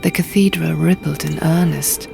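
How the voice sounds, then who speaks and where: An audiobook narrator, a woman, reads a fantasy story dramatically in the first person, using hushed, deliberate short phrases over music and sound effects. Her voice is low and steady, with vocal fry.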